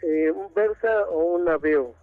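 Mexican guy on a phone call-in, high voice, tinny dry line, joking around. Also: measured pace, dry recording, soft background music. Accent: Mexican Spanish. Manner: playful, joking, chummy. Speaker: radio show caller. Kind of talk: casual call-in chat.

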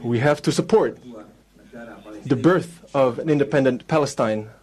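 A man giving a live translation voice-over of a speech, with halting phrases that restart. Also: mid-range voice, a little mellow, poor audio. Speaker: interpreter.

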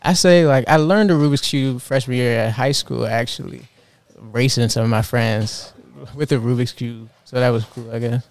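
A young man, a clothing designer, answering interview questions in a soft-spoken way full of "like" fillers. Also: mid-range voice, normal speed.

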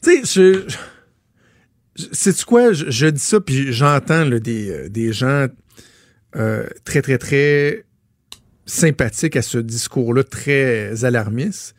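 A man's voice: mid-range voice, lively intonation, slow pace, no echo, clean studio sound. A man with a Quebec French accent, chatting casually as a radio host, joking and rambling with restarts. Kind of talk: casual chat.

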